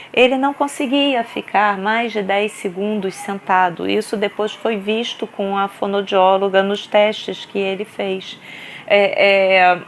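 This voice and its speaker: A woman in her thirties with a Brazilian Portuguese accent speaks to the camera in a mid-range voice, with a little hiss or hum in the background. She's a vlogger mother telling her own story, earnest and animated, restarting often and repeating fillers.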